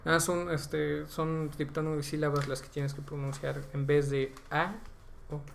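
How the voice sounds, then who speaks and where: With a completely flat delivery, vocal fry, and a measured pace, this slightly high-voiced young Mexican co-host chats on a casual podcast. He explains things at length, tacking a slang filler onto nearly every phrase, and there's a little hiss or hum in the recording.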